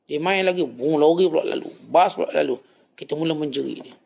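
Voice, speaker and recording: Gravelly Malaysian man preaching sternly. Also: on the high side, fairly quick, a little mellow. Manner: storytelling, stern admonishing tone. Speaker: religious teacher. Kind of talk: Islamic lecture. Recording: lo-fi recording.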